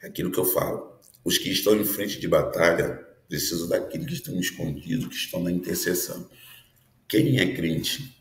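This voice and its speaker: A pastor in his fifties preaches a prophetic sermon earnestly, often using tag questions to check in with his listeners. His voice is low and steady, a bit fast, and the room sounds spacious.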